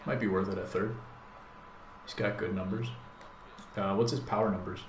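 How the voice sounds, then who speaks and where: A deep-voiced channel host comments on his own gameplay live, thinking aloud at normal speed in a laid-back, rambling way full of fillers. The room is echoey, and steady background noise sits beneath his speech.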